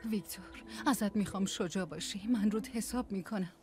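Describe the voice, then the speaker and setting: A woman's voice: medium pitch, music in the background, natural voice. A woman dubbing a mother in a drama, speaking in a soothing but urgent way. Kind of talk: Persian dub acting. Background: loud film score.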